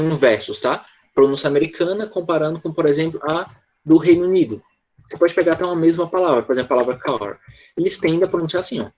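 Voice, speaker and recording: A man's voice: fairly high pitch, darkish tone, husky. A man teaching English in an online class, explaining step by step and checking often that students follow. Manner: explanatory, with frequent "tá?" check-ins.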